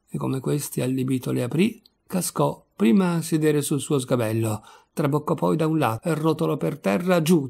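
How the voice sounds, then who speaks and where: Gravelly male audiobook reader. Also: a little high. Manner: measured, expressive reading. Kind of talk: scripted narration of a literary short story.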